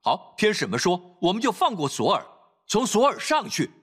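Man, pastor, sermon, high husky voice, very animated pitch, loud urging then low quiet asides. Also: moderate pace. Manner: preaching with sharp swings between loud exhortation and low quiet asides.

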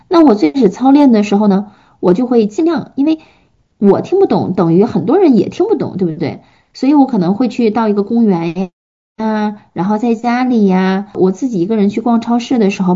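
An earnest woman preaching and answering questions as a pastor's wife, gentle in manner and often pausing on fillers. Her voice is very dark and mellow, with a husky edge. The recording sounds dull and lo-fi. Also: medium pitch. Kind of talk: sermon and Q&A teaching.

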